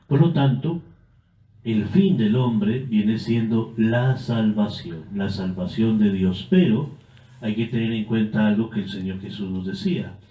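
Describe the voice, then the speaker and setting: A man, a priest guest, explaining church doctrine in a measured way. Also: fairly low pitch. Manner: measured, with frequent filler tags and restarts. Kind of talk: catechetical explanation. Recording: echoey, dull-sounding room.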